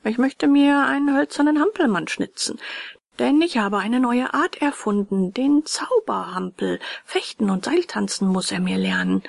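A woman voicing a hot-tempered old male woodcarver, touchy and quick to flare up. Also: on the high side, lively intonation, creaky, dry recording, studio quality. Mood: chatty.

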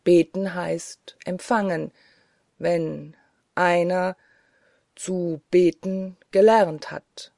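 Otherworldly angel spirit for an audiobook, slow and commanding, dark gravelly tone, voiced by the narrating reader. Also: mid-range voice, steady tone, no echo, studio quality. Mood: solemn. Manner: solemn, prophetic, commanding.

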